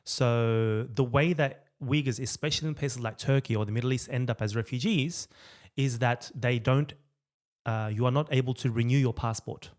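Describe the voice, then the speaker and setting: A man's voice: medium pitch, normal speed, darkish tone. A man in his thirties with an Australian accent, a guest chatting casually in an interview with many fillers and restarts. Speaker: guest, rights activist.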